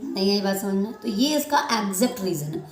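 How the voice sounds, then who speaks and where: A woman's voice: mid-range voice, animated, brisk, crowd noise. A woman teaching a chemistry class, explaining with everyday analogies and often checking whether the students follow. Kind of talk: classroom lecture. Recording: echoey room.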